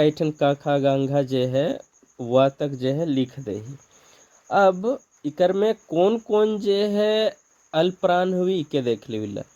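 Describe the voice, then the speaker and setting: A man's voice: fairly high pitch, dark tone, highs cut off. Man teaching with a Nagpuri accent. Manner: explains step by step, asks and answers his own questions. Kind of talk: exam-prep grammar lesson.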